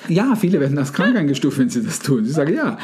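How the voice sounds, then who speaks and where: A man hosting a podcast, coaching listeners through rhetorical questions and addressing them warmly as dear ones. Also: fairly high pitch, very animated, fast talker. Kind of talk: casual podcast talk on mindset.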